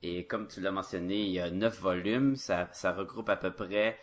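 Low-voiced Quebec co-host, rambling. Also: male voice, steady tone, normal speed. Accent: Quebec French. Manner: rambling, explanatory. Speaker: podcast co-host. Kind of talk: casual chat.

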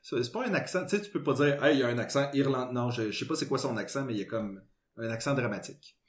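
A man with a Québécois French accent, co-hosting a casual podcast chat in a lively, playful way. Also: medium pitch, quick pace. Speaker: podcast co-host. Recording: roomy echo.

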